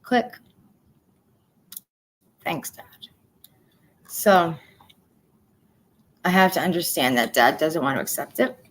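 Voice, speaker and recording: A woman's voice: deep voice, animated, a little slow, pauses often, a bit bright, rough recording. A woman giving an emotional personal update, talking bluntly and with swearing, repeating herself for emphasis. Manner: blunt and profane, venting frustration. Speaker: vlogger.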